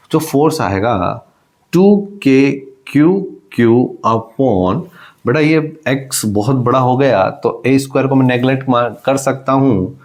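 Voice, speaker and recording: A man's voice: mid-range voice, a little mellow. A man teaching a physics lecture, working through a problem step by step and calling his students "child" as he goes, with English math terms mixed into his speech. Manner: repeats key phrases for emphasis. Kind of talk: exam-prep blackboard lecture.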